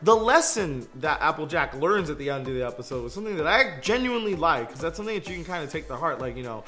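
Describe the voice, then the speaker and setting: A man co-hosting a casual podcast review, talking in an animated way and often laughing. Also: a little high, fast talker, soft background music. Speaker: podcast co-host.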